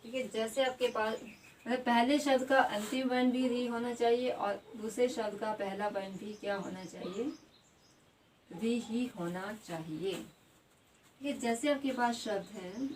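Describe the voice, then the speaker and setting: A woman teacher giving a grammar lesson. She puts questions to the class, answers them herself and repeats each word slowly. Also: fairly high pitch, a little mellow. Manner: adds a tag question after most points. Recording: slightly distant mic with faint background noise.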